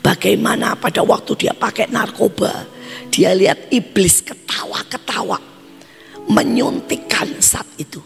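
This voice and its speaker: A man preaching a sermon as pastor, impassioned, swinging between hushed words and shouting. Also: sits high, animated, unhurried, gravelly, in a large hall, soft background music.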